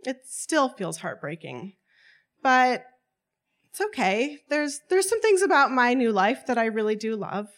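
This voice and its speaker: On stage before a live audience, a woman in her twenties recounts a personal story in a voice on the high side, going a little slow. She comes across as lively and wry, laughing often mid-line.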